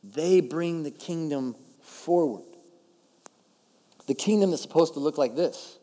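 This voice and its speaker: A man delivers a sermon in a chatty, emphatic way, slowing down to drive home key phrases. His voice sits a little high for a man. Long reverb from a large church hall trails each phrase. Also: dark tone. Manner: conversational, emphatic, slows down to stress key phrases. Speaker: pastor.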